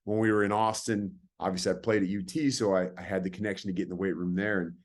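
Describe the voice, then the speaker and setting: A man's voice: low voice, flat delivery, quick pace. A man in his forties from California, a podcast guest telling stories in a rambling, casual way with hesitant restarts. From California, USA. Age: 40s. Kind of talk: casual storytelling.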